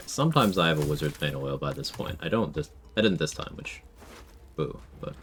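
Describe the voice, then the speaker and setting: A man's voice: extremely low pitch, lively intonation, brisk, a bit bright, a little hiss or hum. A man giving casual, matter-of-fact gameplay commentary, thinking aloud as he plays. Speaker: gaming streamer.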